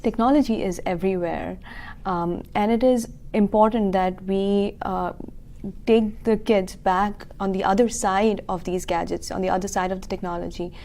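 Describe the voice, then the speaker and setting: A woman's voice: medium pitch, fairly even intonation, normal speed, mellow. Earnest woman in her thirties, many fillers. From Kuwait. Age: 30s. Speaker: founder of a coding school. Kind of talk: local TV business interview.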